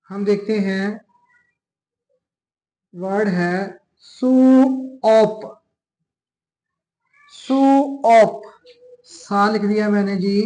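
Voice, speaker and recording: A man with a Pakistani accent giving a classroom lesson as a language teacher, talking slowly and deliberately and spelling out syllables one by one. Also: high-pitched, low-quality recording.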